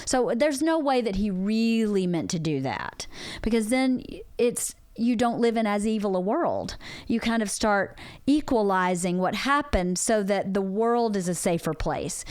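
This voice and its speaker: A woman's voice: medium pitch, animated, unhurried, a little mellow, dry recording. Candid woman in her forties, dry sound. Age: 40s. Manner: earnest, open and reflective. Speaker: podcast co-host. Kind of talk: candid personal conversation.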